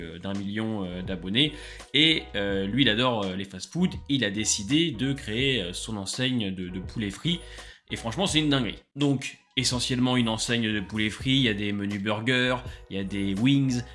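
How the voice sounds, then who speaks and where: An enthusiastic young man chats through a food review, full of hesitant fillers. His voice sits a little low. Faint music plays behind him. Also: normal speed, fairly bright tone. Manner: enthusiastic, many filler "euh"s. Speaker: food vlogger. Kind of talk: casual food review vlog.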